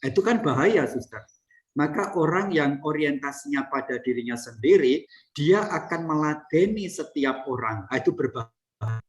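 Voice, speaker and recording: A man, a priest leading a retreat, explaining with acted-out dialogues and dropping low to close each point. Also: animated, normal speed. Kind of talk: retreat talk answering questions.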